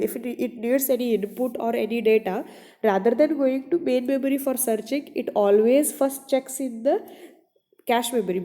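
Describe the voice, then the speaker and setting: A woman's voice: a little high, mellow. A woman teaching computer science in a classroom lecture, often checking with the students. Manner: repeats "your" and "done?" as she checks on students. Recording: echoey room reverb.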